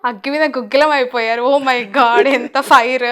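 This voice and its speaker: A woman hosting an interview, talking in a lively, expressive way. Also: high voice, slow. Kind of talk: interview host talk.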